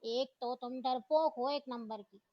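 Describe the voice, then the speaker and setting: Woman doing stubborn proud college girl, haughty sharp retorts, slightly high, dry muffled recording. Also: expressive, a little slow, dry recording.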